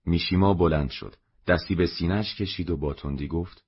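A man reading a novel aloud as narrator, in a steady, measured way. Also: low voice, slightly rough. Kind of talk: audiobook narration. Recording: dull lo-fi recording.

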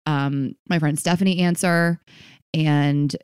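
A woman's voice: deep voice, slow pace, clean tone, no echo, studio quality. A woman in her thirties from the United States, a podcast host chatting casually and acting out the people in her stories. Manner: animated storyteller, acts out quoted voices. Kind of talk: casual chat.

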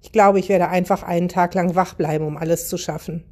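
A woman's voice: fairly low pitch, fairly even intonation, brisk, a little mellow, close to an everyday voice. A woman voicing a tired, houseproud owl in a storybook, complaining worriedly about chores. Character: houseproud tired owl who sleeps by day.

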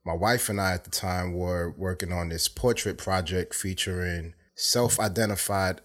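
A man hosts an interview podcast in a casual, conversational way. His voice is very low, and he asks probing questions, often rephrasing them mid-sentence. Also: fairly even intonation, normal speed, a bit bright. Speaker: podcast host.

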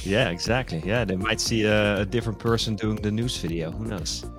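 A man's voice: fairly low pitch, fairly quick, over music. A man co-hosting a podcast, easygoing and talking with many fillers. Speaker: podcast co-host and drone news writer. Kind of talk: casual podcast chat.

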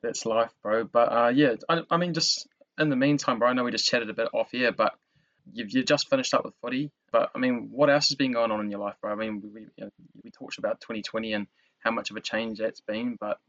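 A man's voice: mid-range voice, steady tone, fairly quick, fairly bright tone, muffled recording. A young man with a broad New Zealand accent chatting casually as a podcast host, matey and slangy, saying bro and man often. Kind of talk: casual interview chat.

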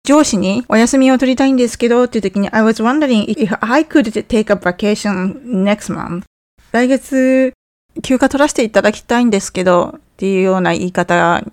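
A woman with a fairly high voice leads an English lesson, explaining phrases and running repeat-after-me drills. She sounds friendly and encouraging when she says the English lines. The recording is dry and close, with no room sound. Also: darkish tone, dry recording. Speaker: English teacher.

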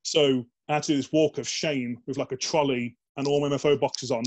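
A man's voice: medium pitch, fairly even intonation, fairly quick, a little mellow. Ex-soldier guy, casual chat, lots of "like", swears, does voices for everyone in his stories. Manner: chatty and blokey, peppered with "like" and swearing, acts out quoted dialogue. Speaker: guest, former soldier. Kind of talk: casual anecdote telling in a podcast interview.

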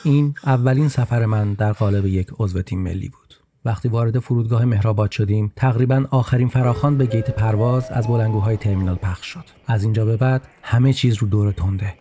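A man's voice: lowish voice, hardly any pauses, mellow. A man narrating a personal story in a podcast with a wry, humorous touch.

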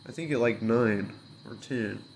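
A man's voice: lowish voice, unhurried, slight background noise. A young man in a casual, rambling rant, hungover and unwell, swearing and frustrated, with many fillers.

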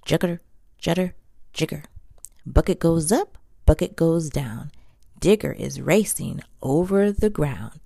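A woman reading a picture book aloud to young children in an expressive, playful storytelling manner. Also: low-pitched, takes it slowly, gravelly, husky, no echo, clean studio sound. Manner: expressive, playful sound words. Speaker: storybook reader.

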